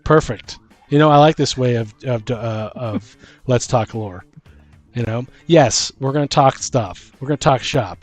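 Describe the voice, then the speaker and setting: In a laid-back podcast conversation, a male co-host rambles and jokes, performing snippets of dialogue as he goes. His voice is medium in pitch and unhurried. There's no room sound, with soft music playing in the background.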